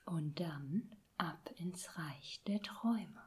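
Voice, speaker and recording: A woman hosting a podcast and gently guiding a children's sleep meditation in a soft, whispery voice. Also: on the low side, a little hiss or hum. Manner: soft slow whispered guidance. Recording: meditation music and singing bowls behind.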